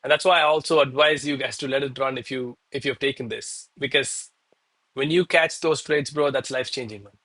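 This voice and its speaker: A trading streamer gives casual commentary to his chat in a medium-pitched, sharp voice, speaking fairly quickly with fairly even intonation. His talk is hyped and informal in gym-bro style, heavy on "bro," and he calls his viewers bro, man and guys.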